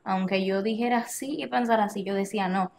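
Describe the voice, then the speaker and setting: A woman guest on a podcast, telling a personal story in casual conversation, animated and acting out the dialogue she quotes. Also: medium pitch, brisk, slight background noise. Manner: animated, acts out quoted dialogue, frequent restarts and laughs.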